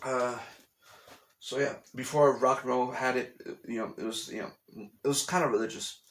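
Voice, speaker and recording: In a room with a TV at home, a native English-speaking vlogger addresses his camera in a casual explanatory monologue, waving off conspiracy theories bluntly. His medium-pitched voice is fairly bright with fairly even intonation and a moderate pace, and he rambles, circling back to the same phrases again and again.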